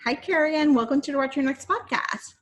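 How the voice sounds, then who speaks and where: A woman's voice: high voice, lively intonation, fast talker, fairly bright tone, a little hiss or hum. A woman from Puerto Rico hosting a book podcast, chatting casually with many fillers. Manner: rambling, many fillers like "like" and "I don't know". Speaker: podcast host. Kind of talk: casual interview chat.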